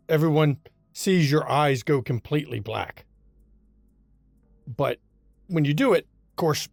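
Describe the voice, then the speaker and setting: A man narrating a tabletop role-playing game as game master, in a descriptive, unhurried storytelling manner. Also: a little high, creaky, a little mellow, no echo.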